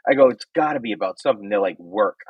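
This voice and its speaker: Husky, animated male comedian. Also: fairly low pitch, rapid-fire, no echo, narrow, tinny audio. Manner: animated storytelling, swearing, acts out crowd exchanges. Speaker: comedian podcast host. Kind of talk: casual chat.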